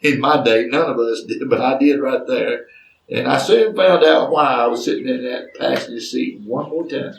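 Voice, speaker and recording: A man's voice: medium pitch, moderate pace, creaky, a little hiss or hum. A man from Alabama with a Southern accent telling a folksy family story with drawling asides. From Chambers County, Alabama, US. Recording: roomy, distant from mic.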